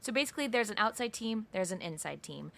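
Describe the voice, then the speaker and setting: A woman in her thirties co-hosting a podcast, retelling a reality show episode as a lively storyteller who laughs often. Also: medium pitch, fast, gravelly. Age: 30s. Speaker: podcast co-host. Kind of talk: casual TV recap chat.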